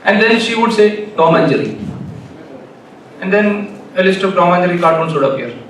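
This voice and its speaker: Male conference speaker, Malayalam accent, bright high-set voice, halting informal delivery with repeated phrases. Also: big pitch swings. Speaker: keynote speaker. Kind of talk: informal conference talk with anecdotes. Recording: echoey hall, distant mic, faint noise.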